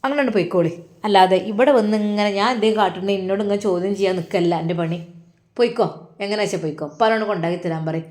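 A woman's voice: mid-range voice, rapid-fire, a little mellow, close to an everyday voice. A woman voicing a harsh scolding mother. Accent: Malappuram Malayalam. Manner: harsh, dismissive. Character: stern scolding middle-aged mother.

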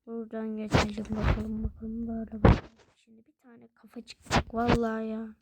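A young woman with a hoarse voice, commenting casually on her game play and complaining aloud to viewers whenever things go wrong. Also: on the high side, monotone, a little fast, very noisy. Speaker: gameplay video maker.

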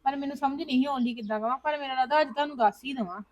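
A woman plays a younger sister in a homemade family drama. She talks high and quick. She teases her elder sister and tattles to their mother. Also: far from the mic, a little hiss or hum. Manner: teasing, tattling chatter.

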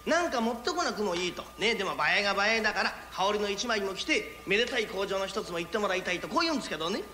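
A man plays a courteous tenement go-between with a smooth, patient way of explaining. The voice is high and quick. The recording carries echo from the hall. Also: expressive, bright, forceful tone, slight background noise. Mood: soothing. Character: polite, well-mannered go-between, adult man.

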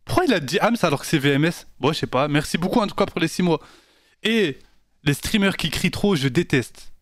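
A male streamer with a high voice talks loosely and animatedly to his chat. He sounds close and dry, with no room around him, and his slangy, off-the-cuff delivery keeps things informal. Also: lively intonation, brisk, dry recording. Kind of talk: casual live-stream chat.

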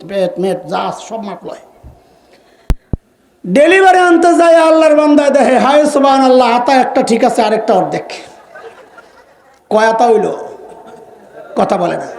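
Fiery male preacher, impassioned, keeps quizzing the crowd; echoey live recording. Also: very high voice. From Bangladesh. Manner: impassioned, often shouting, rhetorical questions to the audience. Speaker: Islamic preacher. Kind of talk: fiery Islamic sermon (waz).

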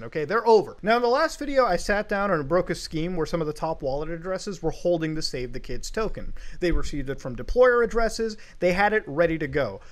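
A man narrating a commentary video in an emphatic way, driving each point home with a pointed "okay?". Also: high voice.

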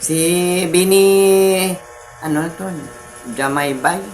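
A woman vlogger, chatting casually and teasingly while giving shout-outs to viewers. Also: on the low side, takes it slowly, a little hiss or hum. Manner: chatty, teasing, giggly asides.

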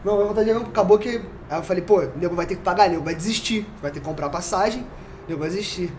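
A man with a Brazilian accent telling a story on a casual podcast, animated, full of slang and sound effects. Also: high voice, rapid-fire, slight background noise. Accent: Brazilian Portuguese.

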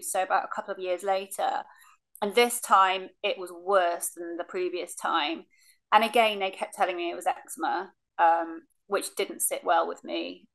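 Seated on her living-room sofa, a woman with a medium-pitched, fairly bright voice frankly describes her cancer journey in a casual remote interview. The audio comes from her webcam on a video call, and she uses many ums and acts out remembered lines.

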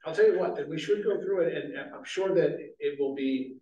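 Chairing a city zoning board meeting, a man rambles with lots of fillers and restarts. His voice is on the high side, brisk and dark. A distant mic in an echoey room picks him up with the highs cut off.

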